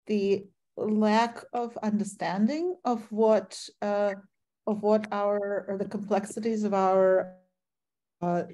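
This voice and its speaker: A woman speaks as a panelist in a scholarly discussion, her voice warm and mellow. She talks haltingly, with many fillers and restarts as she works through her thoughts. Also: mid-range voice.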